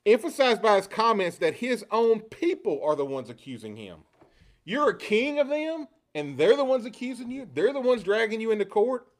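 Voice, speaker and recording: A man preaching a sermon, asking rhetorical questions and acting out quoted lines with rising inflection. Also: a little high.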